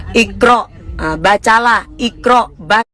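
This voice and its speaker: Speaking with a fairly high pitch and a sharp tone, this livestream host is a woman in her thirties from East Java, Indonesia, with an East Javanese accent. She chats casually with viewers and answers them emphatically, fiery and fast, describing herself as fervent.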